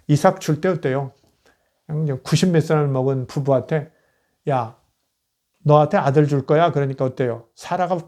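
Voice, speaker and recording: A man's voice: mid-range voice, mellow. A man giving a conversational history lecture who keeps asking the listener rhetorical questions and retells scripture in plain everyday speech.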